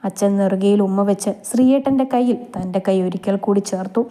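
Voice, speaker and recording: A woman reading a romantic family story aloud in a gentle, steady storytelling manner. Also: mid-range voice, fairly quick.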